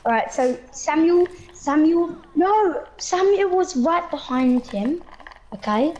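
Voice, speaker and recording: A woman telling a story casually on a stream, halting and restarting with fillers. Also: extremely high pitch, expressive, a little mellow, poor audio.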